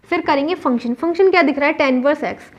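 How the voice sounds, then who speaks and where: This woman's voice is high and fairly quick as she explains a whiteboard maths lesson in an Indian accent. She goes step by step and answers the questions she asks herself, and the recording sounds dull and lo-fi.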